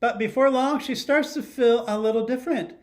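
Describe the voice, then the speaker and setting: With an extremely high-pitched voice, a middle-aged teacher reads a children's picture book expressively in his living room at home. Along the way he breaks off to ask his listeners questions.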